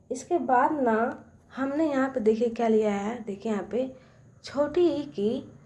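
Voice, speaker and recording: A high-pitched woman gives a children's reading lesson. She stretches each word out slowly and keeps asking whether the class has understood. Her voice rings in an echoey room. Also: a little mellow. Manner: slow, stretched-out word-by-word dictation; keeps checking understanding with questions. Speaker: teacher.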